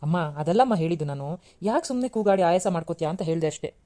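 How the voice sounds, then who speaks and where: A woman voicing a young husband and son in a cartoon serial, gently reasoning and pleading with his mother. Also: fairly low pitch, lively intonation, fast talker, close to an everyday voice. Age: young adult. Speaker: cartoon voice actor.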